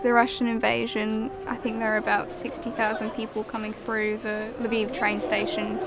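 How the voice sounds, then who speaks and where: Ukrainian-born woman reporter narrating a doc, kinda high and flat, calm and measured, music under her. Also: creaky. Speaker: journalist. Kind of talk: documentary narration.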